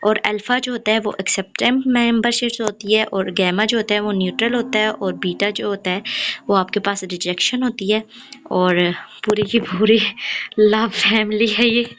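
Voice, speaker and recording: Young woman tutor going over exam answers step by step, soft hiss behind her. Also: mid-range voice, fairly even intonation. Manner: slow, explanatory, mixing English math terms into Hindi. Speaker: online tutor. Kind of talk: exam revision lecture.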